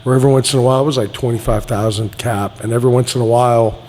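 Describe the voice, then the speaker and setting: A man's voice: medium pitch, fairly even intonation, rapid-fire, a little mellow. Easygoing man telling stories in a reverberant room. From Erie, Pennsylvania. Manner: rambling, restarts often, easygoing storytelling. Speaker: podcast guest. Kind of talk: casual interview chat. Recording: long reverb, faint ambient noise.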